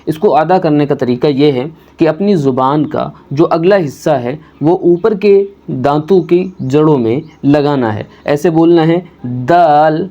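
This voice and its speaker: A man's voice: fairly high pitch, mellow, lo-fi sound. Patient man drilling letter sounds. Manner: patient explaining teacher. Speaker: Quran reading teacher. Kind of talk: step-by-step beginner lesson.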